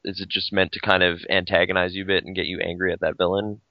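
A man joining a casual podcast chat, asking questions in a measured way. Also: low voice, little pitch movement, no echo, highs cut off.

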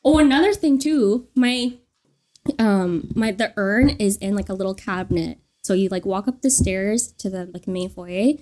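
A woman's voice: medium pitch, normal speed, a little mellow. Chatty young woman telling a spooky story. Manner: rambling, filler-heavy storytelling with many "like"s. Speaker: podcast co-host. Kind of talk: casual chat, storytelling.

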